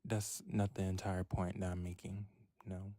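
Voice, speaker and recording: Very low, flat, quiet-spoken debater. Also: normal speed, dry recording, clean studio sound. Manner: quiet, near-whispered talk. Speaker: debate participant. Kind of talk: online voice-chat debate.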